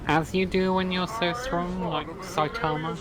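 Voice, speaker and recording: A man's voice: sits high, flat delivery, a little slow, background noise. A man chatting casually in voice chat while gaming with friends. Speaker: gamer in voice chat.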